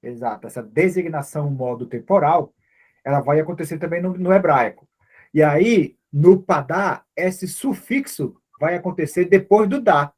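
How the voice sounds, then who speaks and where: A man's voice: on the high side, normal speed, darkish tone, breathy edge. A man with a Brazilian Portuguese accent teaching an online language class in an informal, patient way, often checking that students follow. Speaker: Hebrew teacher.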